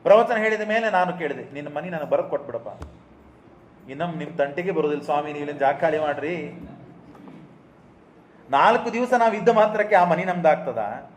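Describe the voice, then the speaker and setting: A man's voice: a little high, expressive, brisk, pauses often, echoey room, a little hiss or hum. A man giving a religious discourse. He tells stories and asks and answers his own rhetorical questions. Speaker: preacher giving a scripture discourse.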